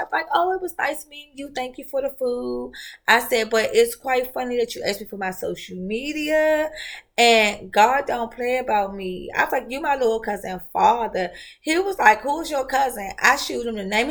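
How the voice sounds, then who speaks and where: A woman podcast host, telling a personal story in a casual monologue and acting out the voices she quotes. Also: on the high side. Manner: animated, expressive storyteller who acts out quoted voices.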